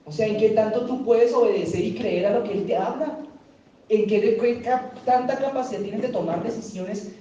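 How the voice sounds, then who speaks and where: A man's voice: high-pitched, moderate pace, dark tone. A man preaching a sermon in a church, talking with the congregation and asking them questions. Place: church hall. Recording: echoey, distant, dull church recording.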